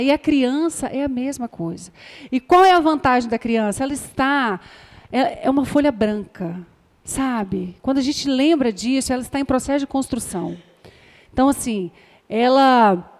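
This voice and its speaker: A woman with a high voice is teaching a class. She coaxes gently as she explains, and her words ring out with a long reverb, as if in a large echoing room. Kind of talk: classroom lecture.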